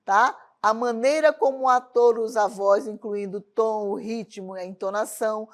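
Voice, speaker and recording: A woman's voice: on the high side, fairly even intonation, moderate pace. Woman teaching an arts lesson. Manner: asks rhetorical questions to the class, tag questions like "certo?". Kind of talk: televised classroom lesson. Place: lesson studio with a loom as a prop.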